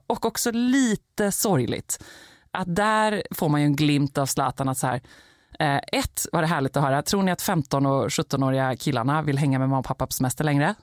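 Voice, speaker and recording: A woman's voice: low voice, no room sound, clean studio sound. A woman co-hosting a podcast, telling an anecdote in a casual chat and slipping into quoted voices. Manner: animated storyteller, often drops into quoted voices. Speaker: podcast co-host.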